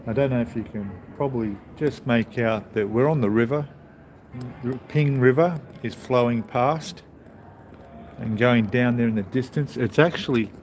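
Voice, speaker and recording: A man on a casual live stream, chatting to his viewers in a rambling, relaxed way from a hotel lobby bar. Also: medium pitch, normal speed. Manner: relaxed, rambling, chats with viewers while eating. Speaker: travel vlogger. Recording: steady background noise of a hotel lobby.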